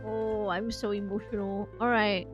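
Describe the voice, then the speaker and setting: A woman streaming a game reaction, chatty and excitable, greeting her viewers as she plays. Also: mid-range voice, normal speed, dull audio, over music. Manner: gushing, excitable, with squeals and laughs.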